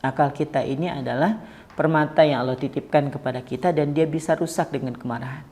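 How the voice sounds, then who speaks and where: A man giving a casual Islamic study talk to a live audience, lively and joking, acting out little dialogues and asking the audience questions. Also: a little high, a little fast. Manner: lively, acts out quoted dialogue, jokes with audience. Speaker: Islamic preacher.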